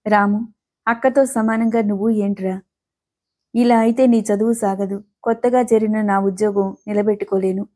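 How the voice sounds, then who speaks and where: A woman reading the part of a calm, responsible young working woman who reasons firmly with her brother. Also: mid-range voice, normal speed, natural voice. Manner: firm, reasoning.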